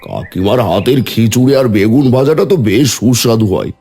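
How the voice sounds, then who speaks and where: Cartoon: male actor as a sly village schemer, dark husky voice, teasing twisty talk. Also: mid-range voice, expressive, brisk, soft background music. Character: sly scheming village man, friend, loves twisting words.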